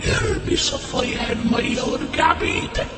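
A taunting devil in a religious drama, very high and wildly swooping. He drags out his scornful words in a creaky voice, mocking and coaxing by turns. Loud music plays underneath. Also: very animated, normal speed. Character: mocking male devil posing as a man's conscience.

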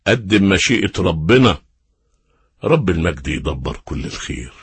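A man with an Egyptian accent acting a serene, devout, fatherly old monk who speaks with gentle reassurance in a religious drama. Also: low-pitched, big pitch swings, moderate pace, breathy edge, dry recording, exaggerated voice. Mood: calm, confident.

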